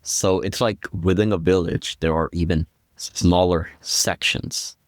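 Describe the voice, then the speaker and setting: A man from Guatemala, a guest telling about his upbringing in a relaxed, rambling way with plenty of fillers. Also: low voice, measured pace, no echo, studio quality. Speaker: guest storyteller. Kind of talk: casual interview chat.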